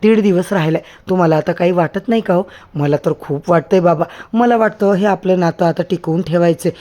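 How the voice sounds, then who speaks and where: A man's voice: high voice, a little mellow, natural voice. A man voicing a young woman who teases and pleads with the man she loves. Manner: pleading, teasing. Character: young woman, teasing and distressed bride-to-be.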